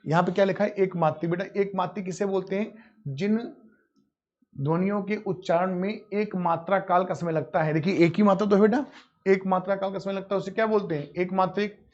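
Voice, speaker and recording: A man's voice: high-pitched, fairly even intonation, fairly quick, a little mellow. A man teaching grammar in a live online class, calling his students "beta" and answering his own questions. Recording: dull lo-fi audio.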